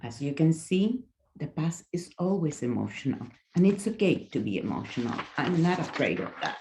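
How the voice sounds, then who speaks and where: A woman's voice: deep voice, sing-song, normal speed, mellow, slight background noise. A woman in her sixties from Chile with a Chilean Spanish accent, giving a guest talk over a video call, hesitant, with fillers and restarts. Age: 60s. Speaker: guest speaker. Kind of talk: presentation talk.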